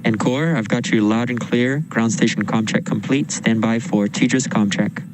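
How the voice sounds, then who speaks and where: A man's voice: medium pitch, steady tone, normal speed. A man at mission control talking on astronaut radio, calling comm checks in clipped procedural phrases. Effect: radio transmission. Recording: noisy radio loop.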